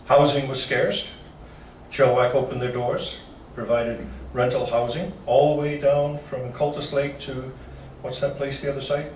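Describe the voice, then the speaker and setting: A man's voice: medium pitch, little pitch movement, normal speed, a little mellow, slight background noise. A man giving a slide-show history talk to a club, folksy and dropping joking asides. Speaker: local history presenter. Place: meeting room. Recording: roomy hall from far off.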